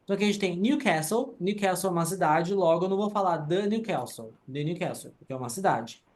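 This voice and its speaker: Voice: medium pitch, animated, fast talker, a little mellow. An English teacher, explaining grammar rules step by step in an online class and checking in with the students.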